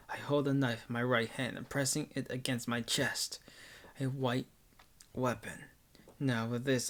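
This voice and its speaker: A man reading a visual novel aloud in first person, halting and stumbling at times and dropping into whispers. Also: medium pitch. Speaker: narrator.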